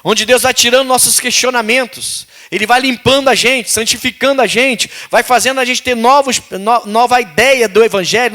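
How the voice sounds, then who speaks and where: A male pastor delivers an animated sermon in a high, bright voice. His pitch swings widely as he calls out to the congregation. The delivery is energetic. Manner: animated preaching with call-outs to the congregation.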